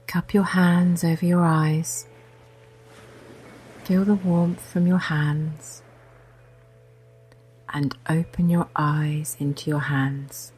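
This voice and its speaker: A woman guiding a meditation in a soft voice, often slipping into a whisper. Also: low voice, level tone, slow pace, long pauses, husky. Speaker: meditation guide. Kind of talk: guided meditation.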